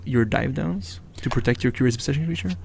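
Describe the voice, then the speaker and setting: A man commentating live on a card game, breaking down plays and joking with his co-hosts. His voice is gravelly with a touch of fry, and there is faint room ambience behind him. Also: medium pitch, quick pace, darkish tone, a little hiss or hum. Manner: analytical, chatty and joking. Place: event venue.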